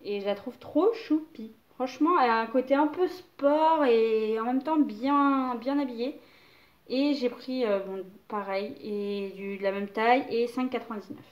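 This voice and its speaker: A woman's voice: on the high side, measured pace, muffled recording. A young woman casually chatting about clothes to camera, hesitant and full of fillers. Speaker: mother showing baby clothes haul.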